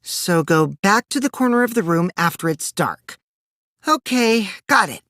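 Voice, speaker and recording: A man's voice: high-pitched, expressive, unhurried, pushed and bright, no echo, studio quality, full character voice. A male actor voicing Kokichi, a mischievous, lying, childish teenage boy in a video game, theatrical and moving between bratty teasing and sinister taunting. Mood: casual, chirpy. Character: mischievous, lying, childish teenage boy, self-styled evil supreme leader. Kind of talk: English video game voice acting.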